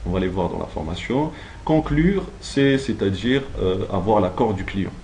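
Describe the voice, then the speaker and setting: A call-centre trainer with a low, gravelly, slightly mellow voice teaches phone technique at a moderate pace with lively intonation. He goes step by step in a didactic, semi-improvised manner and checks understanding, with a little hiss or hum audible.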